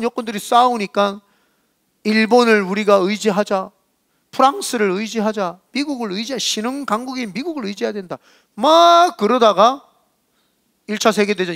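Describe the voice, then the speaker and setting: A man's voice: high voice, gravelly, fairly bright tone, no room sound, studio quality. A middle-aged Korean man with a Gyeongsang accent preaching a sermon as senior pastor, emphatic and scolding, full of rhetorical questions. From South Korea.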